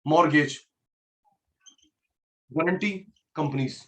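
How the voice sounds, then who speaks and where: A professor teaches an online exam-prep class in a slightly high voice, speaking slowly. He's animated, repeats key terms, mixes English terms into his speech, and calls on students by name.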